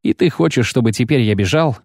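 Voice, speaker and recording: Man reading a calm steadfast young knight. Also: mid-range voice, slightly rough, no room sound, clean studio sound. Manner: calm, measured.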